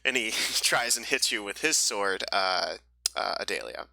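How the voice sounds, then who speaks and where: Bright-voiced young game master, rambling. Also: male voice, fairly low pitch, animated, a little slow, gravelly, no echo, rough recording. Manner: casual, rambling, many fillers and restarts. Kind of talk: narrating a tabletop game.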